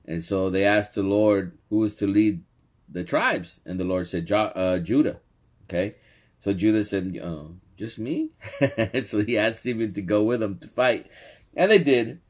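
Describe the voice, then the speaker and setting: With a lowish voice at a measured pace, this religious teacher casually comments on a clip to teach scripture. He stays animated, laughs often, and repeatedly checks in by saying "okay?".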